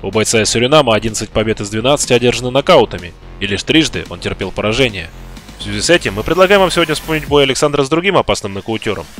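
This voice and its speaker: A man's voice: medium pitch, a bit bright. A man reading scripted narration as the presenter of a video channel.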